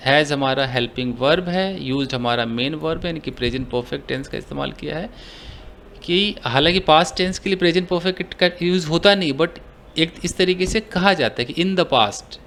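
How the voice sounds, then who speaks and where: This Indian man teaches English grammar in Hindi, working through it step by step and posing questions he then answers himself. His voice is a little high and somewhat bright, with slight background noise. He slows down whenever he reads English phrases aloud.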